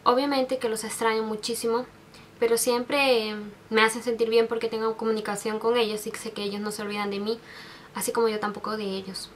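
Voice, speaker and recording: A brisk, soft-spoken beauty vlogger from Peru in her 20s, her slightly high voice showing little pitch movement, reads out questions for a casual Q&A tag video. She speaks sentimentally with frequent restarts and fillers into a desk webcam in her bedroom with makeup shelves, with a little hiss or hum in the audio.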